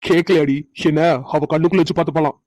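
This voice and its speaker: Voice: mid-range voice, fairly even intonation, rapid-fire, darkish tone, no echo, close to an everyday voice. A performer voicing a playful young husband in a cartoon who teases his wife with chuckles. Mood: teasing. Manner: teasing, chuckling. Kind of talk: cartoon voice acting.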